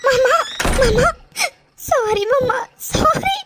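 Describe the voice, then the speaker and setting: A heartbroken young woman played by a woman pleads through tears in a cartoon drama. Her voice is very high-pitched. It is recorded close and dry, with no room sound. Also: normal speed, fairly bright tone, no room sound. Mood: tearful. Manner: tearful, pleading. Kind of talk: cartoon voice acting.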